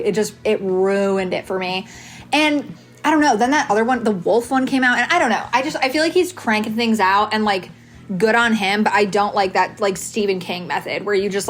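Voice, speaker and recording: Higher-voiced woman, chatty and emphatic. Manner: animated, opinionated, emphatic. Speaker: book reviewer with a video channel. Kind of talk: casual chatty vlog commentary.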